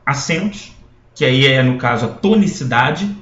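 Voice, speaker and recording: A man's voice: mid-range voice, expressive, normal speed, a bit bright, slight background noise. Man teaching a poetry lesson, echoey. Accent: Brazilian Portuguese. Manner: explanatory, with frequent checking tags and restarts. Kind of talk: recorded classroom lecture. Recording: echoey room, dull lo-fi sound.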